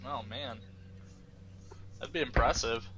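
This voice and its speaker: Bright-voiced joking man player. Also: medium pitch, sing-song, a little hiss or hum, low-quality recording. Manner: jokey, quick quips. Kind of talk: casual tabletop game chat.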